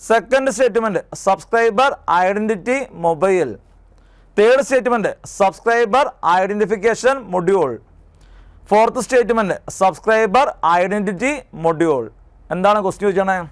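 A man's voice: high-pitched, smooth. A man teaching an exam prep lesson, who drills terms by asking a question and then repeating the answer.

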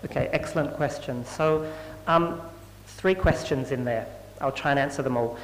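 A man giving a scientific conference talk and answering questions in a measured, explanatory way. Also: a little high. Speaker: conference presenter. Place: conference hall. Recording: echoey conference hall with long reverb.

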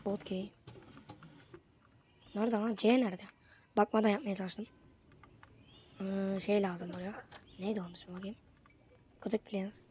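Excitable young-sounding gamer woman. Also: mid-range voice, unhurried, pauses often, slight background noise. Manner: excitable, bursts into frustrated yelps. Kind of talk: casual gameplay commentary.

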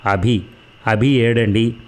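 A man's voice: fairly low pitch, steady tone, slow pace, darkish tone. A man reading an audiobook, voicing a distraught mother who anxiously pleads for her son. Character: distraught mother in a hospital bed.

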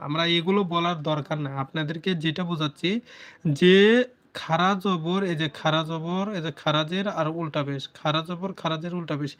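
A man with a fairly high voice teaches Quran reading on a live stream. He talks to his viewers patiently, repeating each example slowly and filling his pauses with many hesitant sounds.

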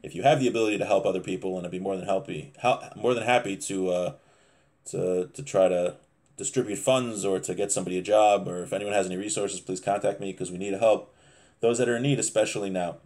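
In a small room at home, an American man in his thirties teaches an informal Torah class, reading the text and explaining it conversationally while often checking in with listeners. He speaks fast in a low, steady, slightly mellow voice.

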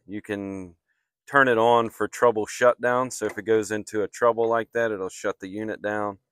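A man's voice: fairly low pitch, steady tone, moderate pace, a bit bright, clear, resonant tone, no room sound. A man working as an HVAC technician, explaining a repair step by step in a matter-of-fact way while he works outdoors on a rooftop, filmed on a handheld phone. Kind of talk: hands-on repair walkthrough. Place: outdoors on a flat commercial rooftop.

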